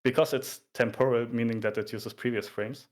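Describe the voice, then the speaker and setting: Guy casually explaining tech stuff, medium pitch, kinda halting as he goes. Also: steady tone. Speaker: explainer of video game graphics.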